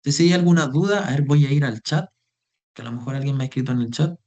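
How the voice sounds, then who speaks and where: A young Excel instructor teaching an online class speaks fast in a medium-pitched, slightly mellow voice. Patient throughout, he repeats his phrases and keeps calling his students "chiquillos."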